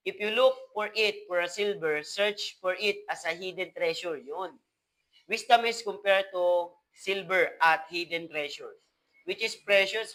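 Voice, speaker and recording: A man's voice: on the high side, sharp tone, low-quality recording. A young Filipino man with a Filipino accent, giving a devotional teaching and slipping between Tagalog and English with polite asides. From Philippines. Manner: mixes Tagalog and English, frequent "po" and "no?". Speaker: preacher.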